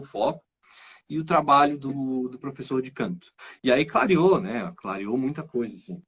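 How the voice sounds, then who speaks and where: A man's voice: mid-range voice, a bit bright, husky. A man hosting a live stream, a speech therapist explaining his ideas and checking in with "right?" as he goes. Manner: thinks aloud, frequent "né?" and "certo?" tags.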